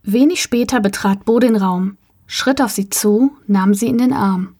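A woman reading a short story aloud in a calm, measured narrating voice. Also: mid-range voice, slightly rough. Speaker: reader. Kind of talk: audiobook narration.

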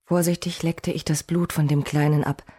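Husky low-voiced woman narrating a story. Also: level tone, normal speed, dark tone. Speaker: audiobook narrator. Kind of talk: first-person fantasy audiobook narration.

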